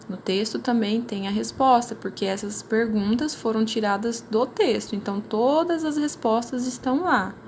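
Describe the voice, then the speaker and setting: With a slightly high voice and a bit of hiss or hum on the recording, a Brazilian Portuguese-accented woman teaches a primary school class. She goes over worksheets patiently, and many of her sentences end in "né?".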